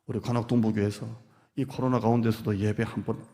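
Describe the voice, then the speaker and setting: A man pastor preaching a sermon in a lively, playful way, acting out quoted speech and teasing the congregation. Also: fairly low pitch, quick pace. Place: church sanctuary. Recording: long hall reverb.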